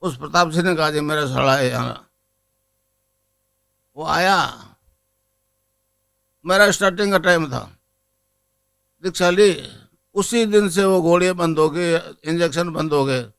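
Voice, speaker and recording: A man's voice: a little high, measured pace, creaky, long pauses, a bit bright, clear, resonant tone, low-quality recording. An older Indian man, a guru giving a spiritual discourse to a gathering, telling stories and leading a mantra chant. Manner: storytelling, then leads chanting of a mantra.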